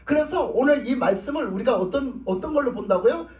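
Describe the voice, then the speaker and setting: A man's voice: very high-pitched, animated, fairly quick, a little mellow. A male pastor preaching a sermon in an emphatic, repetitive style to his congregation. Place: church sanctuary. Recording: roomy, distant, dull church recording.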